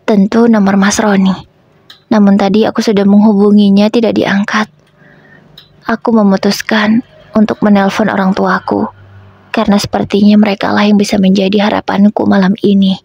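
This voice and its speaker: A woman narrating a sorrowful first-person family story in a slow, reflective way. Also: mid-range voice, little pitch movement, gravelly, darkish tone, breathy edge, no echo, highs cut off.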